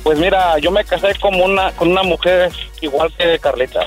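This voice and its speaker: Deadpan male radio caller. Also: sits high, a little fast, faint music behind.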